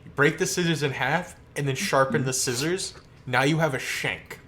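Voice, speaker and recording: A young man in casual chat with friends, offering absurd suggestions in a deadpan manner. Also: on the high side, normal speed. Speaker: podcast co-host.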